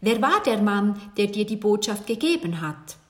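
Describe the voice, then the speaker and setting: A woman's voice: mid-range voice, big pitch swings, normal speed, natural voice. A woman voicing a curious, adventurous young girl in a children's audiobook. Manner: inquisitive, eager.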